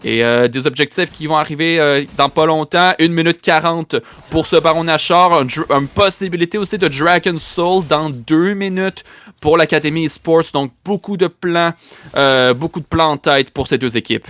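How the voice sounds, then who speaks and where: A man's voice: on the high side, moderate pace, fairly bright tone, no echo. A man with a Quebec French accent giving live esports match commentary, often repeating and restarting his phrases. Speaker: esports play-by-play caster.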